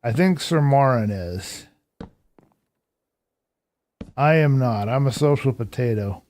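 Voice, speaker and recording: Mid-pitched and unhurried, a hoarse man games on a live stream and mulls over chat messages aloud in a casual, easygoing manner. There's a bit of hiss or hum in the recording.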